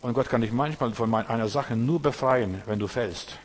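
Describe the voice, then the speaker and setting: Male preacher, husky voice, pastoral sermon delivery, talks straight to the congregation. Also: mid-range voice, moderate pace. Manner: pastoral, addresses listener directly with rhetorical questions; acts out quoted voices of troubled believers.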